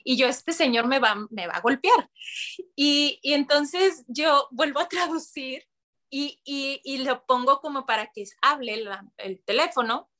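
A woman's voice: high-pitched, measured pace. A woman, casually telling a story as a guest and acting out voices. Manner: animated, acts out voices, laughs often.

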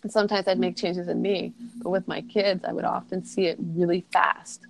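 A woman's voice: fairly low pitch, level tone, normal speed, vocal fry, rough recording. A middle-aged woman talking in a reflective, rambling way as an interview guest, peppering her speech with "like.". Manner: rambling, heavy use of "like". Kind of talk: reflective casual conversation.

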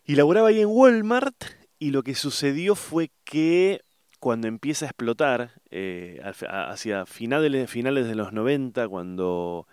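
A man's voice: mid-range voice, animated, moderate pace, darkish tone, clean tone, dry recording, clean studio sound. A middle-aged man with an Argentine Spanish accent, talking in a casual rambling monologue, often hesitating and searching for words. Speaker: vlogger.

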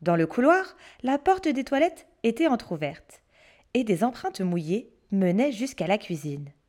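A woman storyteller reading a children's story aloud, expressive and hushed for suspense. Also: medium pitch, a little slow.

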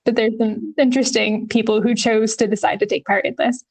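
A woman co-hosting a casual history podcast, talking in a relaxed way with lots of ums and the odd wry swear word. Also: fairly high pitch, brisk, gravelly, slightly rough. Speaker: podcast co-host.

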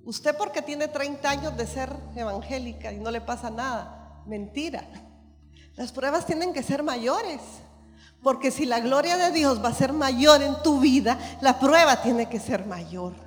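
Woman preacher, emphatic and repetitive, slow delivery in an echoing hall. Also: high-pitched. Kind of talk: sermon. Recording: reverberant hall with faint music.

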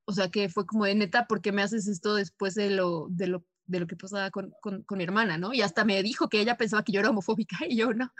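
A woman's voice: medium pitch, fairly even intonation, a bit bright, dry recording. A young woman with a Mexican accent, co-hosting a podcast and telling a personal story in a casual, slangy way full of fillers. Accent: Mexican Spanish. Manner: fast, slangy, frequent fillers and laughs. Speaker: podcast co-host.

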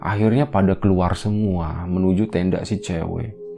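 A man casually retelling a horror story as a podcast storyteller, in a relaxed, rambling, conversational way. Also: deep voice, normal speed, gravelly, background noise.

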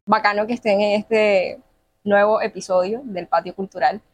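A woman's voice: medium pitch, fairly even intonation, normal speed, over loud music. Playful Colombian Caribbean woman host. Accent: Colombian Caribbean Spanish. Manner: playful, joking, laughs easily. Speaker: podcast host. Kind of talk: casual conversational interview.

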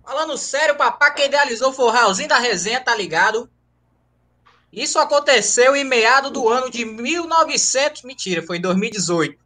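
His voice is very high, with lively intonation and a sharp tone, moving a little fast. A Rio native raised in Ceará, with that region's accent, he tells a casual interviewer over a call how his running humor group began, peppering the slangy story with jokes and tag questions.

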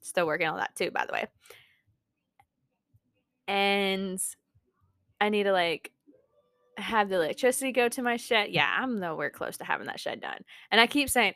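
Smooth-voiced woman rambling about her craft business. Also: medium pitch, lively intonation, moderate pace, long pauses, a bit bright, no echo, studio quality. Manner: rambling, self-interrupting and frank. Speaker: small craft business owner. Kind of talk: casual personal vlog.

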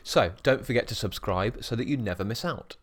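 British male podcast co-host, low-pitched, jokey and easygoing. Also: brisk. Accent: British English. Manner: chatty and jokey, laughs often. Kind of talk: casual podcast chat. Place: office at a bird of prey centre.

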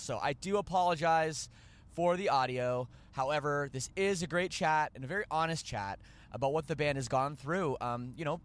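A man with a Canadian accent hosting a podcast, rambling and joking as he corrects himself. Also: fairly high pitch. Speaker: podcast host. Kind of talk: casual podcast chat.

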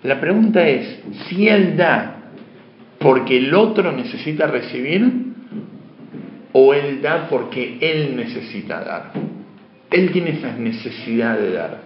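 A man giving a spiritual lecture to a class, asking questions of his listeners and moving between emphatic and hushed speech. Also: medium pitch, expressive, takes it slowly, a little hiss or hum. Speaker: teacher. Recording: dull, roomy lo-fi room sound.

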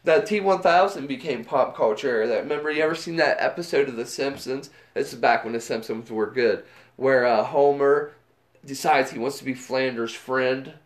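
A man in a middle-pitched voice, casual and profane as he riffs with a friend. His talk rings around an echoey room, and he drifts from topic to topic in an easy, loose way. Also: normal speed. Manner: loose, profane riffing, acts out movie lines. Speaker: podcast co-host. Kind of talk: casual chat.

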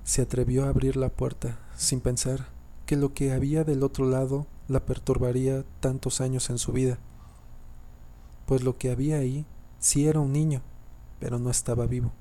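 A man's voice: mid-range voice, flat delivery, mellow. A man narrating a horror story, often stumbling and restarting whole sentences. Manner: reads haltingly, often restarting and repeating sentences.

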